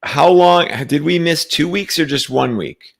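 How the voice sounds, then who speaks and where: A man's voice: fairly high pitch, unhurried, gravelly. A man co-hosting a casual spiritual talk show, chatting playfully and laughing often. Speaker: podcast co-host. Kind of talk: casual chat. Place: traveling, currently in a temporary location.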